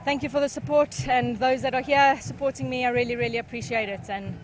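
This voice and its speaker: A woman's voice: sits high, fairly even intonation, brisk, low-quality recording. A woman from South Africa, an athlete, giving an upbeat, grateful interview on a beach. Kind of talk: post-heat interview. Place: outdoors on a beach.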